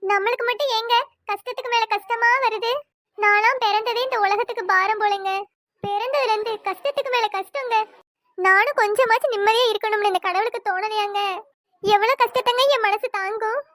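A woman's voice: extremely high pitch, steady tone, a little fast, a bit bright, dry recording. A woman voicing a poor, grieving mother in a cartoon who pleads tearfully about her hardships. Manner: tearful lamenting pleas. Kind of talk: cartoon voice acting.

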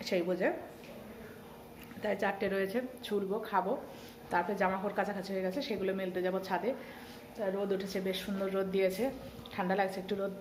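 A woman's voice: medium pitch, echoey room, slight background noise. A housewife vlogger chatting casually to her viewers as she walks them through her day at home. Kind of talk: casual vlog narration to viewers. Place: at home, kitchen and rooftop.

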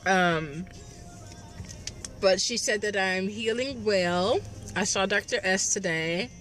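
A woman in a casual vlog update, speaking slowly and haltingly with new dentures, recording on a phone held at arm's length. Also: medium pitch, fairly bright tone, faint music behind. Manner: slow, halting, with many ums. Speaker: vlogger. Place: fast-food restaurant, indoors or parked outside.

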